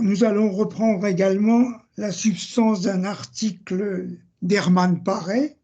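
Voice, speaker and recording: An older man delivers an academic seminar lecture, reading at a slow, deliberate pace from his notes. His voice is mellow and a little husky. He cites sources and page numbers as he goes, and the recording sounds dull and lo-fi. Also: high-pitched. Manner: measured reading, citing sources and page numbers, correcting himself.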